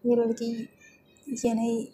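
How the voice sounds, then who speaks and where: A woman's voice: fairly high pitch, monotone, takes it slowly, warm tone. A woman voicing a worried teenage schoolgirl muttering and fretting to herself. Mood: fretful. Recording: noisy background hiss.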